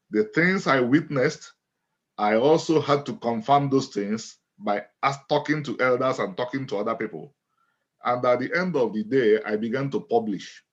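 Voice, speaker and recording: Measured Nigerian man, lo-fi sound. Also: mid-range voice. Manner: measured, deliberate, restates phrases. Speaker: guest, author and lawyer. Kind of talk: interview storytelling. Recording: dull lo-fi audio.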